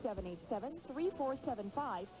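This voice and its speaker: A woman's voice: on the high side, expressive, a little fast, rough recording. A woman co-hosting a TV game show, reading scripted announcements. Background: music.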